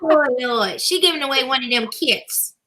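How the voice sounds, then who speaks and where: A woman's voice: high voice, normal speed, sharp tone. Woman putting on a folksy church mother. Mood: excited. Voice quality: drawling, calls everyone baby. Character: folksy older church mother reading announcements. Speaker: host. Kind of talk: live stream chat.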